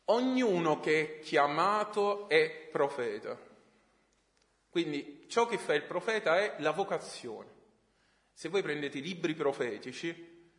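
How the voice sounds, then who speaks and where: Lively male teacher in an echoey classroom. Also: a little high. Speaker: religion teacher. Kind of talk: classroom lecture. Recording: echoey room, long reverb.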